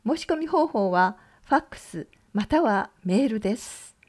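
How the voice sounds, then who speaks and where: Higher-voiced woman reading community notices. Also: lively intonation, a little mellow. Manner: measured, clear reading of lists and numbers. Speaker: radio announcer.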